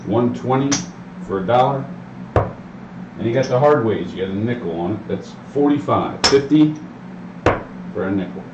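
A man's voice: mid-range voice, animated, moderate pace, pauses often. A man working as a craps dealer, calling rolls and payouts in short, matter-of-fact table calls. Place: indoor room at a craps table. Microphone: distant from the speaker. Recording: distant roomy mic, dull, noisy room hum.

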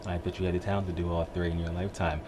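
Man with a low voice, upbeat host, heard from off-mic over steady noise. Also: racing. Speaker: host of a children's reading show. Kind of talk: encouraging introduction.

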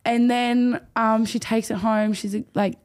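A woman's voice: on the high side, little pitch movement, measured pace, darkish tone. A woman co-hosting a podcast, telling a long story in casual chat and rambling with many "like"s. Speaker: podcast co-host.

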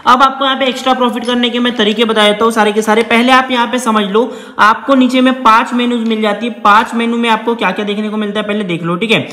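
An app reviewer with a very high-pitched, bright, forceful voice talks fast and steadily with few pauses, chatting viewers through a phone app as he taps around it and often calling them brother. The screen-recorded walkthrough was made in an indoor room at a table with the phone, and the room echoes with long reverb.

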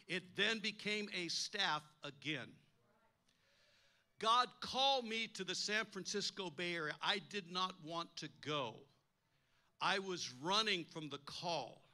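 An older man preaching as a pastor in a church uses a high, pushed and bright voice. He tells a personal story emphatically, voicing the people he quotes and frequently repeating words.

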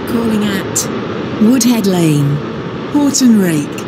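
A woman's recorded announcement listing train stops, with the words spliced together and uneven joins between them. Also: animated. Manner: measured, evenly paced listing with uneven joins. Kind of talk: recorded calling-point announcements. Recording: train announcement with loud rumble. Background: train running noise.

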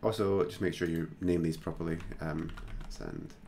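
Deep gravelly male tutorial voice. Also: steady tone, moderate pace, a little mellow, slight background noise. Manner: casual, thinking aloud with many fillers. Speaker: tutorial host. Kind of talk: screen-recorded software tutorial.

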